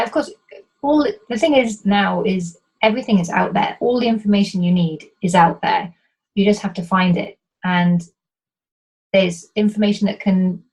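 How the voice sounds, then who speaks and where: The recording is poor, catching a medium-pitched, darkish, slightly rough woman's voice. She's a business coach from Wales with a light British accent, only mildly Welsh, answering interview questions earnestly and explanatorily while frequently restarting her sentences.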